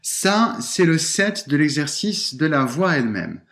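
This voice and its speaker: Expressive male voice coach. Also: on the high side, a little slow. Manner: expressive, plays with intonation and stress while demonstrating. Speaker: voice and public speaking coach. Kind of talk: podcast coaching lesson.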